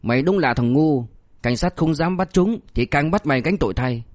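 A man's voice: a little high, animated, normal speed, no echo, studio quality, natural voice. A man voicing a blunt, threatening young boss who mocks and scolds in an audiobook story. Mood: menacing. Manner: harsh, threatening, mocking. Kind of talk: audiobook character voice.

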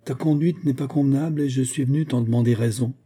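A man's voice: medium pitch, fast, warm tone, slightly rough, voice pushed up, lightly acted. A man voicing a stern, earnest young man who speaks in a severe, clipped, indignant way.

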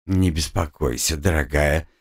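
A man's voice: medium pitch, wildly swooping pitch, measured pace, pitched above the performer's own voice. A man doing a purring sadistic woman. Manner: purring, mocking, coldly soothing. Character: sadistic adult woman captor, purring, mocking.

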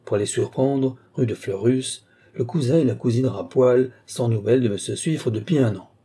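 A man reading a comic short story aloud, telling it with animated storytelling and voicing the quoted characters. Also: mid-range voice, moderate pace, husky. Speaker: reader.

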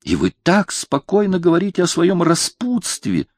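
A man's voice: mid-range voice, a little slow, no room sound, clean studio sound, pitched above the performer's own voice, natural voice. A man voicing a tearful, pompous young king who scolds a courtier. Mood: reproachful.

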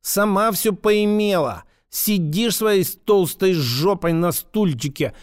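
A man's voice: high-pitched, animated, takes it slowly, smooth, voice pushed up. A man reading an audiobook, voicing a very drunk woman with an almost childlike voice who squeals and swears. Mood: shrill drunk. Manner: squealing, screeching, vulgar.

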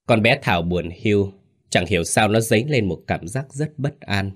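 Man, horror story narrator, deep voice, dry close sound, calm, measured. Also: no room sound.

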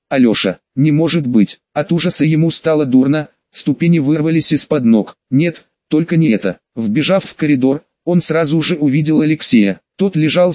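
A male audiobook narrator with a fairly high voice reads in a steady, measured way. The sound is very dry, with no room in it. The recording is slightly dull and lo-fi. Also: no echo. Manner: steady, measured literary reading.

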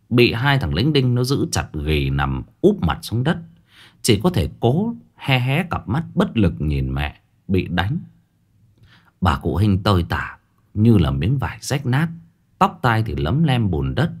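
A man's voice: lowish voice, sing-song, measured pace. A man narrating a folk ghost story in a vivid, dramatic way, with coarse village speech.

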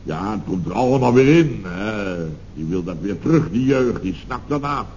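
An actor playing a rambling, nostalgic middle-aged building contractor in a 1960s radio comedy, hesitant and full of tag questions. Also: male voice, on the low side, animated, moderate pace, darkish tone, lightly acted. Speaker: contractor boss. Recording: dull old radio recording with faint hiss.

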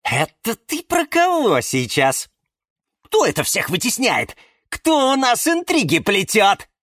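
A man's voice: sits high, animated, normal speed, a bit bright, no echo, clean studio sound, voice pushed up. A man voicing a melodramatic, whiny male Venus flytrap in a storybook. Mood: curious. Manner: whiny, tearful.

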